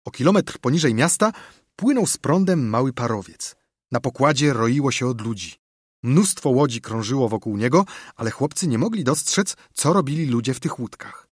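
An audiobook narrator delivers scripted narration of a story with expressive, storytelling flair. His medium-pitched voice is slightly rough, and the studio recording is clean with no echo.

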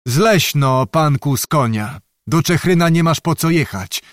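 A man voicing a rough, squint-eyed Cossack herdsman who speaks in a surly, threatening way in a storybook. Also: fairly high pitch, lively intonation, unhurried, no echo, studio quality.

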